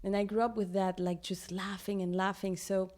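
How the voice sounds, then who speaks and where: A woman's voice: medium pitch, flat delivery, normal speed, darkish tone. A woman from Peru, a film director, talking in an interview and searching for words as she explains her ideas. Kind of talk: casual interview talk.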